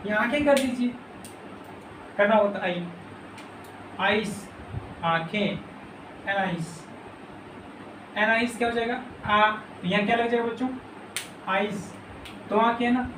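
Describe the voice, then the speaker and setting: A man's voice: sits high, pushed and bright, a little hiss or hum. Echoey teacher man drilling pronunciation. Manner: repeats words slowly, addresses students as children. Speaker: English teacher. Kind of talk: classroom grammar lesson. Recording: echoey room, mic at a distance.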